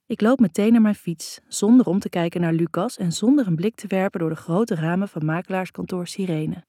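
A woman's voice: fairly low pitch, a little fast, mellow, no room sound, studio quality. A woman narrating a first-person novel in an intimate, reflective way. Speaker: audiobook narrator.

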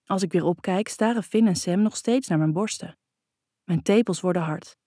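A woman narrating a first-person novel in a calm, even reading voice. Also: lowish voice, normal speed, breathy edge, no echo, clean studio sound. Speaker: audiobook narrator.

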